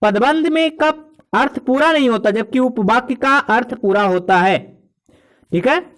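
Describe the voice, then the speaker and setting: A man's voice: very high voice, unhurried, fairly bright tone. A man teaching an exam-prep grammar lesson, explaining step by step with examples and checking in with the students.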